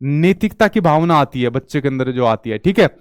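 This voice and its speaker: A male teacher lecturing, smooth tone. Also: on the high side, expressive, brisk, dry recording, studio quality. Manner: repeats questions to the class and answers them. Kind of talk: online exam-prep lecture.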